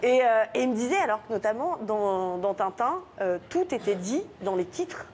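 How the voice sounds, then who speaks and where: A woman's voice: fairly high pitch, expressive, moderate pace, a little mellow, a little hiss or hum. A woman comedian telling chatty comic anecdotes as a guest on a TV talk show set, with frequent fillers. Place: TV studio set with audience.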